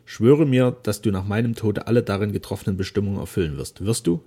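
Playing a sick, aged noble father, a man talks solemnly and wearily in formal, archaic phrasing, full of solemn remorse. His voice is fairly low and warm with a breathy edge, animated and fast.

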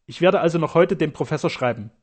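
A proud, dignified doctor, voiced by a male reader answers in a composed, assured manner. The voice sits slightly raised and steady. It is a German storybook narration. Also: a little high, quick pace.

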